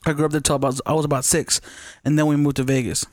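Young man, podcast host, quick talker, slightly higher voice, dry close sound. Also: little pitch movement, darkish tone, dry recording. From born in Los Angeles, raised in Baja California. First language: Spanish. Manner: joking, teasing. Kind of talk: casual podcast chat.

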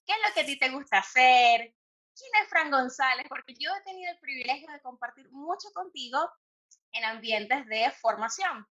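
A woman's voice: high voice, animated, normal speed, pushed and bright. A woman hosting a podcast interview, welcoming her guest and asking questions. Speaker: podcast host.

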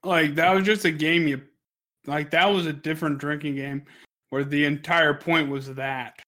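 A man with a fairly high, very bright voice hosts a casual podcast. He talks in a crude, joking way and swears freely. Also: fairly even intonation, moderate pace. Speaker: podcast host.

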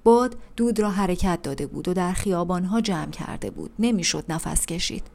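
A woman narrating an audiobook in a calm, even storytelling manner. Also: on the low side, gravelly.

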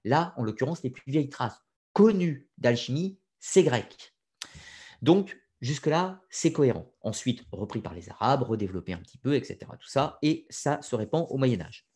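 A man of middle pitch explains his subject in an unscripted lecture, pausing on fillers and restarting his sentences. He talks straight to his listeners and drops frank personal opinions along the way. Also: animated, darkish tone, husky. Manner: addresses listeners directly, opinionated asides. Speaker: lecturer on occult history.

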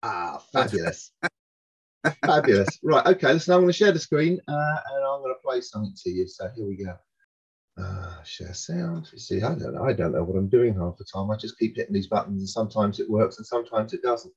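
A man's voice: lowish voice, expressive, fairly quick, slightly rough. An older man hosting a casual interview over a video call, chatty and loose, swearing freely and laughing easily. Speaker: podcast host. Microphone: condenser mic over a video call. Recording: dull lo-fi video call audio.

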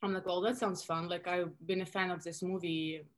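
A Russian woman in her thirties, speaking with a Russian accent in a voice on the low side at normal speed, is a guest in a casual interview. She tells stories animatedly, with lots of fillers.

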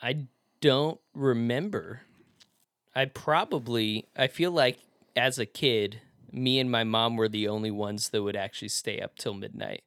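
A man's voice: medium pitch, a little slow, fairly bright tone, no echo, studio quality. A man co-hosting a casual chat, telling a story with lots of laughs and fillers.

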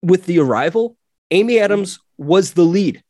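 A man co-hosting a podcast in casual chat, animated and acting out quotes in a raised voice. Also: high voice, moderate pace, no echo, clean studio sound. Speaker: podcast co-host.

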